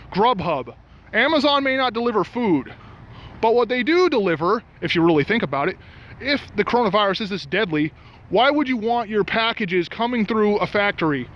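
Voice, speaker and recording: A man with a high-pitched voice rants in a casual vlog, his temper climbing as he goes. He talks outdoors at night near restaurants, heated and exasperated. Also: a bit bright. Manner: ranting, gets worked up and angry. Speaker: vlogger.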